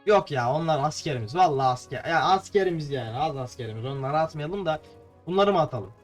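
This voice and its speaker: A man's voice: on the high side, lively intonation, fast talker. Playful young man narrating his gameplay. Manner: playful, chatty, talks to viewers. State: slightly tongue-tied. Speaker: gameplay streamer. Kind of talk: casual gameplay commentary. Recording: faint game music behind.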